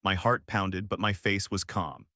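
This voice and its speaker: A man's voice: low voice, measured pace, pushed and bright, no echo. Man narrating a story, dry sound. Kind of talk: scripted first-person story narration.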